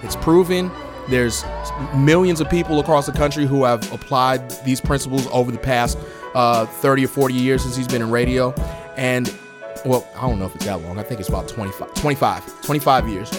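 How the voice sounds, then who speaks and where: Male podcast host, average pitch, informal direct address, clear music underneath. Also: a little fast. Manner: colloquial, addresses listeners directly. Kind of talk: casual solo podcast talk.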